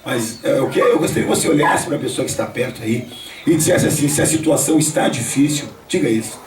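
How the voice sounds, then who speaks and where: A man's voice: mid-range voice, lively intonation, fast, over music. A man, preaching a sermon at a home worship gathering and speaking directly to his listeners. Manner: storytelling, addresses listeners directly. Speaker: pastor. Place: home, gathering of family and church members. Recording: echoey room, voice from a distance.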